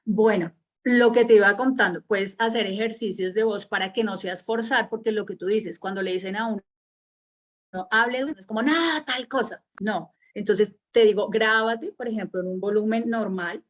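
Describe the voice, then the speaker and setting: Colombian woman instructor, video-call workshop, chatty, encouraging, filler-heavy, mid-pitched. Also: steady tone, moderate pace. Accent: Colombian Spanish. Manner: conversational, encouraging, many fillers. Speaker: public speaking workshop instructor. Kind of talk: online workshop teaching.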